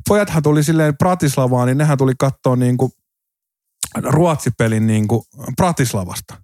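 A man chatting casually on a podcast, animated and full of anecdotes. His voice sits in a middle pitch and leaps up when he mimics others. The sound is dry and close, with little room. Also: dry recording. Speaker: podcast co-host. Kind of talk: casual storytelling chat.

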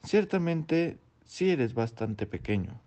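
A man's voice: fairly high pitch, big pitch swings, takes it slowly, dark tone, pitched above the performer's own voice. A man voicing a hungry, impatient male fox in a storybook reading, snapping out his demands. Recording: dull lo-fi recording.

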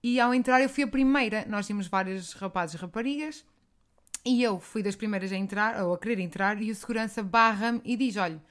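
A woman's voice: mid-range voice, a little fast. A young woman from Portugal with a European Portuguese accent, co-hosting a podcast and telling stories in a casual chat, laughing often. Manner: laughing storyteller. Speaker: podcast co-host.

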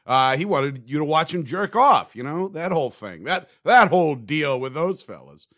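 A man hosts his own comedy podcast with a voice pitched a little above the usual male range. He rambles from one thought to the next in a dry, sarcastic, self-mocking way. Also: lively intonation, normal speed, a bit bright. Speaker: podcast host. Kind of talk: comedic solo podcast monologue.

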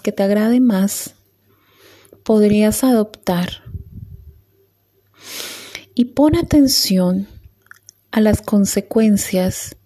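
A woman leading a guided meditation in a soft, calm voice with long pauses. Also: medium pitch.

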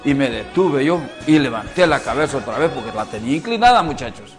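A middle-aged man giving a personal testimony at a men's church event, swinging from loud outbursts to hushed confession. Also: medium pitch, big pitch swings, quick pace, faint music behind.

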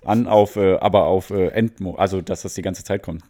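A man in casual chat, teasing his friend in relaxed slang. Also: low-pitched, brisk.

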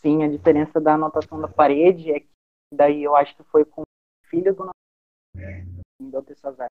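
A man's voice: on the high side, level tone, a little fast. A man in a Bible study group call speaking through headphones, his voice breaking up over a bad internet connection, talking hesitantly. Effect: choppy, cutting-out internet call audio. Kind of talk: casual group video call discussion. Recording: muffled lo-fi online call.

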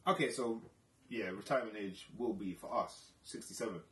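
A man's voice: fairly low pitch, fairly quick, poor audio. A man in his late twenties with a London accent, chatting casually and agreeably in slang as a podcast co-host. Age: late 20s. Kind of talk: casual chat. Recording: clear background noise with clicks.

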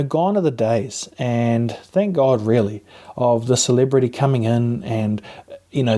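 A man's voice: medium pitch, mellow. A man hosting an advice podcast in a casual, encouraging coaching way, recorded on a lapel mic. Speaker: podcast host. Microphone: lapel mic plugged into a phone.

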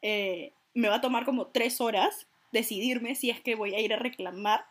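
Soft-spoken woman, rambling. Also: a little high, moderate pace. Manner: soft-spoken, hesitant, rambling with many fillers. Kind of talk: casual chat.

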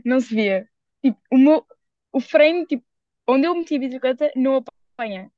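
A young woman with a European Portuguese accent tells a story at a breakneck pace, thick with fillers and slang. Her voice sits a little high and comes through dry and slightly dull, close to the mic. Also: animated, brisk, dark tone, dry recording. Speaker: podcast co-host. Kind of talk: casual chat.

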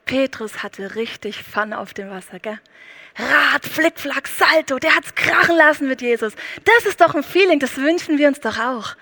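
A woman's voice: sits high, lively intonation, moderate pace, sharp tone. A woman preaching a sermon, speaking emphatically and addressing the listener directly.

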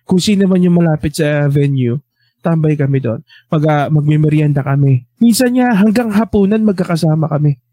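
A man's voice: a little high, a little fast, warm tone, no room sound. A man, telling school stories in a casual chat and animatedly voicing the people he quotes.

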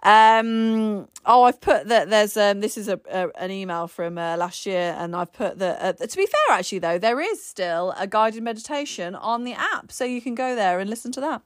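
A woman hosting a casual live Q&A, talking through a list of tips while bickering with her partner, exasperated and quick to snap back. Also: medium pitch, animated, no room sound, clean studio sound. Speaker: host of a live Q&A.

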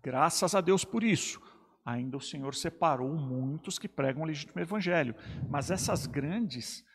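A man's voice: on the high side, expressive, moderate pace, husky, in a large hall. A man, a pastor, speaking emphatically in a discussion and repeating his key phrases to drive them home. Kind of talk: preaching in a two-man discussion.

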